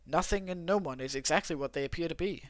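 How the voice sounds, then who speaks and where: A man's voice: a little high, fast, a bit bright, no room sound, natural voice. Young man doing a musing cowboy-voiced customer. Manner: reflective, musing. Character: engaged male cafe customer, thoughtful, cowboy drawl. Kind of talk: reading game dialogue aloud.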